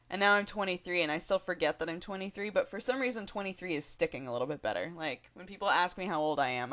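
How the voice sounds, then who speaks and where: A woman's voice: on the low side, a bit bright. A woman in her twenties talking casually to the camera in a rambling vlog, chatty and giggly, full of fillers and restarts. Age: 20s. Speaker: video blogger.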